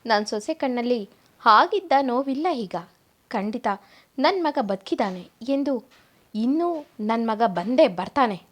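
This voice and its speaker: Woman reading a calm sure older dad, bold, kinda high voice. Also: a little slow. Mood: assured. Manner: bold, assured. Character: older father-in-law, steady and confident.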